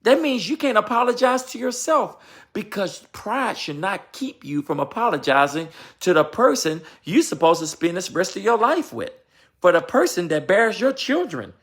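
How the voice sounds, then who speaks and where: A man's high-sitting, fairly bright voice carries his vlog's marriage advice, which comes out like a repetitive, emphatic sermon in a casual setting. He talks directly to his viewers and asks his wife to back him up.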